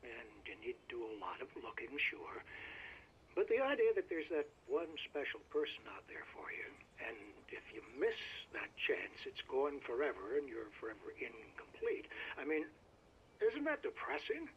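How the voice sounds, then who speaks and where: A wry, skeptical radio guest. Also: male voice, medium pitch, huge pitch swings, moderate pace, slight background noise. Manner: wry, argumentative. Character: male radio guest, blunt skeptic on love. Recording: slightly dull game radio audio.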